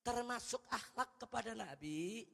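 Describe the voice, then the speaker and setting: A man preaching a fiery sermon. He shouts rebukes and drops low and soft for prayers, often calling his listeners "brothers" and asking them questions. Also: expressive, a little slow, gravelly, big-room sound. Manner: addresses listeners as "saudara" with rhetorical questions.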